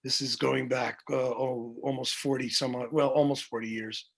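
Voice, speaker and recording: This middle-aged music director, a guest on a video podcast, speaks over a video call in a gravelly mid-range voice with little pitch movement and a moderate pace. His storytelling runs long and rambling, with many fillers and restarts.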